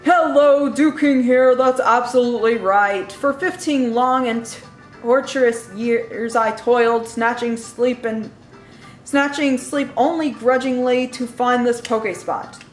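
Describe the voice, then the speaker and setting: A woman's voice: a little high, fairly even intonation, unhurried, roomy sound, faint music behind, natural voice. A woman reading as a boastful male inventor. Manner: reads game text aloud, showman tone, stumbles on words.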